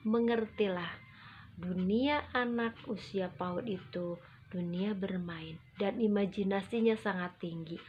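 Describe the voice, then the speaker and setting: A woman teaches parents in a slow, medium-pitched voice. She over-enunciates, setting each phrase apart with emphasis and small pauses. The recording is dull and slightly lo-fi. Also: slight background noise. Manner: acts out parent and child quotes. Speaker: early childhood educator. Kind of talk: instructional talk to parents. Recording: muffled, dull lo-fi audio.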